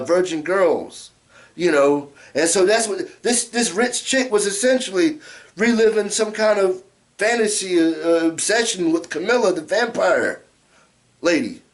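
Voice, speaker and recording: A middle-aged American man delivers a drunken, casual rant in a notably high voice. He rambles, circles back over the same phrases and curses freely, like an amateur reviewer talking straight to his viewers. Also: unhurried. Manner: heavily profane. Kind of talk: casual ranting vlog.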